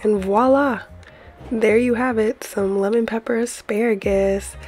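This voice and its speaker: A woman's voice: medium pitch, a little mellow, breathy edge. A woman hosting her own cooking channel, talking through a recipe in a friendly, easygoing voice-over.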